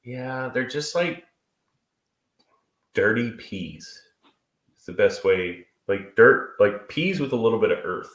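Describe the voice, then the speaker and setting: Stuffy and sniffling with a cold, a man in his thirties co-hosts a live stream, joking crudely and swearing freely. His mid-range, slightly bright voice is animated yet slow, with frequent pauses, and the room echoes.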